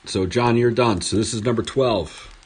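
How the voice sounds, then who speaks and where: A man's voice: on the low side, moderate pace, slightly rough. A man hosting a casual card break at a table, reading off player names as he opens packs. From Swedish heritage. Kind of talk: casual card-opening chat. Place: indoor table studio.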